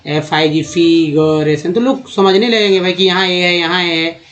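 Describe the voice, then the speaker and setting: A man teaching how to read English, spelling out words letter by letter and pausing with fillers as he explains. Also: high voice, steady tone, a bit bright, muffled recording. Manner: addresses viewers as friends, spells words letter by letter, halting with fillers. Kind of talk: explanatory lesson.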